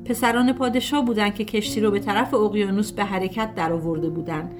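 A woman narrating a folk tale as an audiobook, in a gentle storytelling cadence that voices the characters' dialogue. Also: medium pitch, fairly even intonation. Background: soft guitar music.

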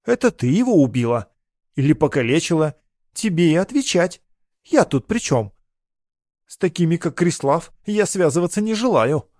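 A young blacksmith apprentice, put on by a male narrator who brushes others off in short, hard phrases. His voice sits slightly higher than the narrator's and stays hushed and clipped. The sound is dry and close. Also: very animated, normal speed, no room sound. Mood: cold rebuff. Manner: terse, harsh, hushed.

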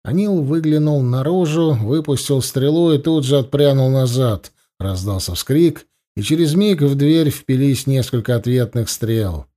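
A man reading a story aloud in even, measured narration. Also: mid-range voice. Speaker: audiobook narrator. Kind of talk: scripted narration.

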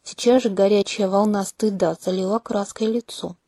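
A woman reads a first-person romantic fantasy audiobook in an even, measured way. Her voice is warm and mellow at a middling pitch. It is recorded close and dry at home. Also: no echo. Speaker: audiobook narrator. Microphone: close home mic.

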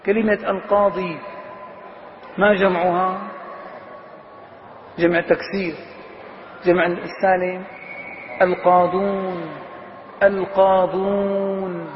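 Brief: male grammar teacher, high voice, quizzes the class and answers himself, dull lo-fi recording with a long hall echo. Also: flat delivery, slight background noise. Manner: asks questions and answers them himself; repeats key words slowly for emphasis.

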